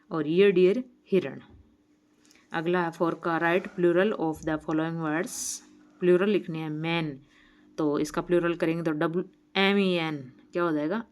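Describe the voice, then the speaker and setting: Low, unhurried woman teacher walking students through a workbook, asks and answers her own questions. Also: a little mellow. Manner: reads English slowly, explains in Hindi, asks and answers own questions. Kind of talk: workbook lesson explanation.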